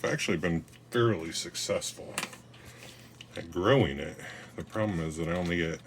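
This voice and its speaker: A man's voice: low-pitched, moderate pace, noisy background. A man talking casually through a home gardening vlog, rambling, self-mocking and cracking dad jokes. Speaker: gardening vlogger.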